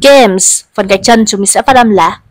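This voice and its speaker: A woman's voice: mid-range voice, fairly even intonation, brisk, dry recording. A woman teaching an English lesson to pupils, patiently explaining each word and leading them to repeat after her.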